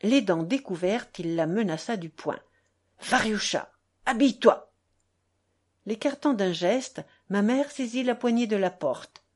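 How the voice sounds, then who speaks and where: A woman narrating a novel as an audiobook in a measured, even storytelling manner. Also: mid-range voice. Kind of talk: audiobook reading.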